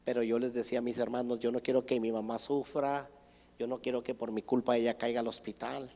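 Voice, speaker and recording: A man's voice: mid-range voice, flat delivery, fairly quick, a little mellow. Man testifying in a church hall. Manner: earnest, retells conversations with many "dice". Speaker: church brother giving testimony. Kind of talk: sermon testimony.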